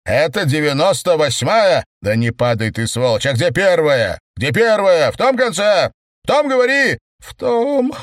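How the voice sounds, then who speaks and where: A man doing a furious shouting party boss. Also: a little high, lively intonation, measured pace, dry recording, studio quality, voice pushed up. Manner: shouting, interrogating harshly. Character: angry, commanding male party secretary.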